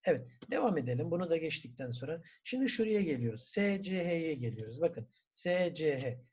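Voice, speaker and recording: A man with a Turkish accent teaching a German class, asking the students questions, answering them himself and repeating words slowly for pronunciation. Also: fairly high pitch, big pitch swings, slightly rough. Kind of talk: classroom lesson. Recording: dull lo-fi recording.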